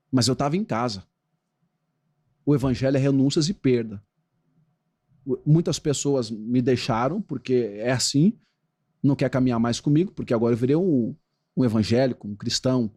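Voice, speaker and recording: A Brazilian man, a pastor who once played football, talking in a podcast interview with an animated preaching cadence. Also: medium pitch, slightly rough.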